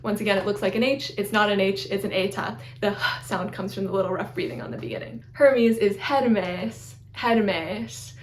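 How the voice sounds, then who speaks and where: A woman's voice: mid-range voice, steady tone, a little fast, hardly any pauses, roomy sound, slight background noise. A young woman explaining pronunciation in a chatty, self-deprecating way, often laughing at herself. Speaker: video creator teaching Greek pronunciation. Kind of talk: casual explainer video.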